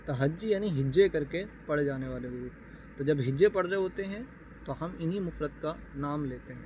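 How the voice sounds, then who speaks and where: A man's voice: a little high, a little mellow, a little hiss or hum, low-quality recording. Patient man teaching Quran letters. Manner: patient, repeats terms and checks with "okay?"; slowly sounds out Arabic letters one by one. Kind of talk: explanatory lesson for beginners.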